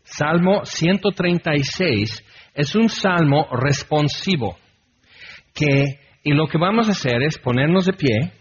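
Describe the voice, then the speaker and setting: A man's voice: on the high side, animated, takes it slowly, a little hiss or hum. A man preaching a sermon as pastor in an earnest way, leading his congregation in a responsive psalm reading. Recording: dull lo-fi recording.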